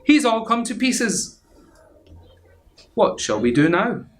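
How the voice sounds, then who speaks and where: A man voicing a playful big male skeleton from a children's storybook, in an animated, exclamatory way. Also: sits high, takes it slowly, pitched above the performer's own voice, exaggerated voice. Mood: surprised, puzzled. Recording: clear background noise.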